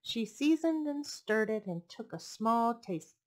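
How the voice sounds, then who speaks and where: A young woman hosting a storytime, reading picture books expressively with deliberate phrasing for young listeners. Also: fairly high pitch, expressive, a little mellow. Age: young adult. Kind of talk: expressive children's story read-aloud. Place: indoors, furnished home room. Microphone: headset microphone.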